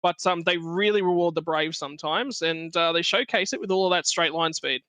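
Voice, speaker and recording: A high-voiced man co-commentates on a sim race, earnest and emphatic. His tone is bright and sharp, and the recording is close and dry. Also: brisk, clear, resonant tone, no echo.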